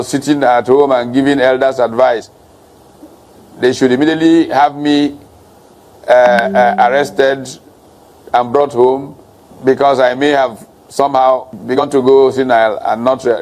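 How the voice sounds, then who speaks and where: A man's voice: medium pitch, little pitch movement, unhurried, darkish tone. A man in his sixties giving public remarks as a senior official, in a wry, self-deprecating way. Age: 60s.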